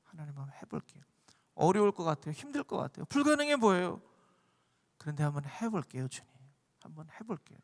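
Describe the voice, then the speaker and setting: Casting: high-voiced male pastor, passionate preaching, long sanctuary reverb. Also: very animated, fast. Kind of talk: sermon. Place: church sanctuary.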